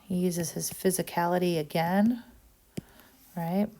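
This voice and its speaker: A woman's voice: on the low side, fairly even intonation, a little slow, dark tone. Woman teacher walking through a text. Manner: explanatory, many "um"s and "right?" checks. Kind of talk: recorded literature lesson.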